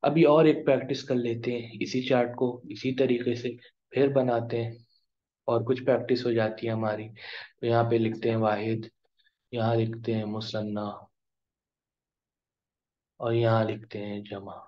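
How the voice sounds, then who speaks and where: A male teacher explaining grammar in a classroom lesson, drawing out each example word slowly. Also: mid-range voice, level tone, warm tone. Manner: slow, drawn-out pronunciation of example words. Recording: dull lo-fi recording.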